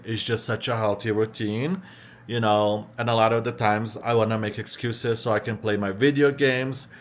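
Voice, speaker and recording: A young male vlogger from the Bosnia and Slovenia region, raised in North America from age thirteen, chats casually at home while working on a build project. He rambles with lots of fillers and restarts in a fairly low, fairly bright voice.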